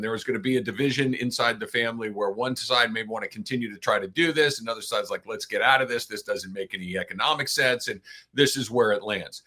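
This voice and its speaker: A middle-aged man with a bright, forceful voice co-hosting a sports podcast. He talks in an opinionated, animated way and often slips into quoted asides. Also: mid-range voice. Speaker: podcast co-host.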